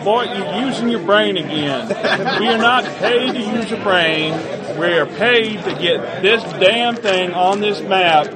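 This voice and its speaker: Against a very loud crowd, a man acts out a bossy Southern soldier. He drawls his scolding orders slowly in a high-pitched voice, barking at his platoon in a tabletop game. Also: animated. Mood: scornful, impatient. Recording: loud crowded convention hall chatter.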